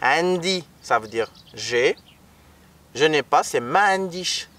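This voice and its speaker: A man's voice: fairly high pitch, animated, normal speed, sharp tone. A man, co-hosting a casual language lesson and patiently repeating phrases for learners. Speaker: co-host teaching Moroccan Arabic. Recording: voice a bit far from the mic.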